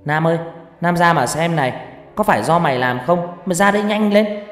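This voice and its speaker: A man voicing an angry older sister who shouts accusations at her little brother. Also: on the high side, sing-song, normal speed, echoey room, big-room sound, faint music behind, voice pushed up. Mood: accusing, shrill.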